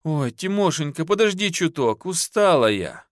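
A man's voice: fairly high pitch, sing-song, moderate pace, no echo, studio quality, voice pushed up. A man doing a pleading peasant woman. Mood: sleepy. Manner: lamenting, pleading folk speech. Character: frightened young peasant woman, sleepy then grieving.

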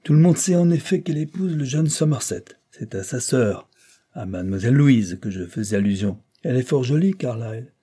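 A man voicing a gruff, nosy older male judge who bursts into loud fury. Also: medium pitch, expressive, a little fast, pitched above the performer's own voice, lightly acted. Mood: teasing, gossipy. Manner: bluster rising to fury.

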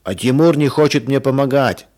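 Brief: a man reading a bratty little boy in a children's story, yelling and sulky. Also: lowish voice, moderate pace, breathy edge. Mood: quarrelsome.

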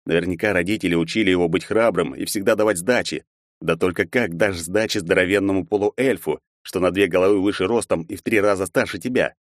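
A man calmly narrating a first-person fantasy audiobook in a measured way, also speaking as a stern but kind teacher. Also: low-pitched, dry recording, studio quality.

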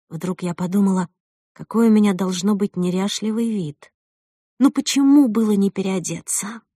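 Woman narrator, first-person audiobook, expressive tense delivery, mid-pitched, dry close sound. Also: dry recording.

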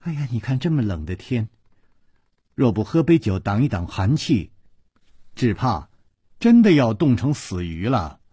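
A man voicing a proud, sharp-tongued young princess who teases and snaps. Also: medium pitch, sing-song, slightly rough, no echo, clean studio sound. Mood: teasing. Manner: teasing, petulant, quick to anger.

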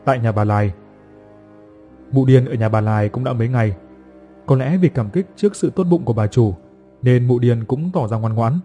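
A man reading a folk horror story aloud in a measured, dramatic storytelling manner. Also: medium pitch, warm tone. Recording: faint music underneath.

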